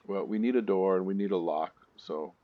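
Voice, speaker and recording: A man's voice: low-pitched, normal speed, no room sound, dull audio. A man hosting a let's-play gaming video, telling stories in a chatty way with nervous asides.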